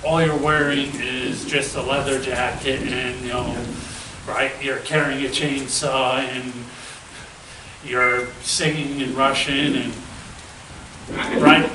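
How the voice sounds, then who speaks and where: A man's voice: mid-range voice, little pitch movement, slow. A man interviewing a new VJ, rambling jokily through long questions. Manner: rambling, jokey. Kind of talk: casual interview chat. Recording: echoey room, distant mic, background noise.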